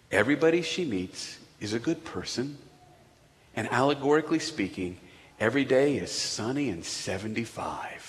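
The speaker is a pastor whose voice is mid-range and fairly bright. Preaching to his congregation in the sanctuary, he takes a conversational approach with asides and questions to the room, and the hall's echo is audible on the recording.

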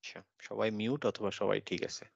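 A man teaching a live online class on Quran recitation. He explains each rule patiently, step by step, and chants the examples slowly with a nasal hum. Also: lowish voice, steady tone, vocal fry, dry recording. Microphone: video call. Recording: dull lo-fi video call audio.

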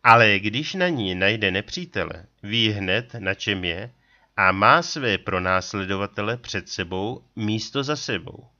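A man's voice: lowish voice, lively intonation, bright, forceful tone, muffled recording. A man voicing a small, stout, sly frontier trapper who talks in a folksy backwoods drawl, in an audiobook. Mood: sly lecturing. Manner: folksy, drawling backwoods talk with a pet catchphrase. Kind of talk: audiobook character voice.

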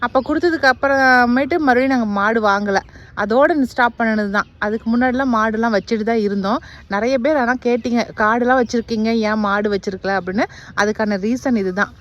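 Young woman vlogger, slightly high voice, chatty, speaks to viewers while walking a farm outdoors. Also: a little fast, highs cut off. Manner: chatty, addresses viewers directly. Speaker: village vlogger. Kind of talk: casual farm vlog narration.

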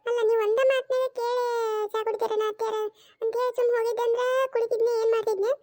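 A pestering young daughter-in-law in a cartoon comedy skit, voiced by one performer who plays both parts. She pleads over and over in a North Karnataka Kannada accent. Her voice is tiny and high and rattles along fast. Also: little pitch movement. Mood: coaxing. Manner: coaxing and insistent, repeats pleas.

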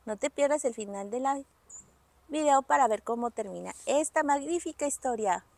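A woman hosting toy story videos for children in a bright, sing-song, playful greeting manner. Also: sits high, expressive, normal speed, vocal fry, no echo.

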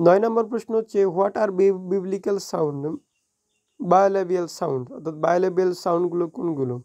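A woman with a Bengali accent teaching an exam review lesson. She reads English definitions slowly, explains them quickly and often corrects herself. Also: fairly low pitch, warm tone. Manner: frequent self-corrections and restarts.

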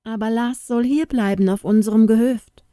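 A woman voicing a frightened young farmer's daughter, speaking high, tearful and breathless. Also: steady tone, normal speed, dark tone, no echo, clean studio sound, close to an everyday voice. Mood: upset.

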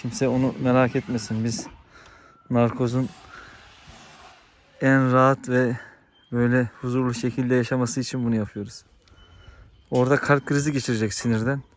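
A man vlogging outdoors on a farm. He chats casually to viewers and shouts sharp calls and scoldings to his dogs. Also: mid-range voice, flat delivery, moderate pace, long pauses, slight background noise. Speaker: vlogger and dog owner.

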